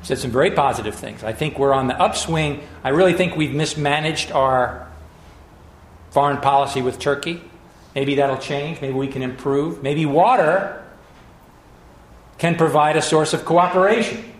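Man lecturing in an echoey room. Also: on the high side. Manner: measured, emphatic, with frequent restarts and fillers. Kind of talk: public lecture with slides.

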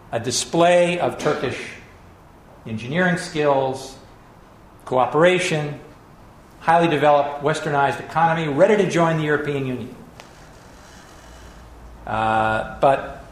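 A man giving a public lecture with slides, in a measured, emphatic way with frequent restarts and fillers. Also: on the high side, roomy sound.

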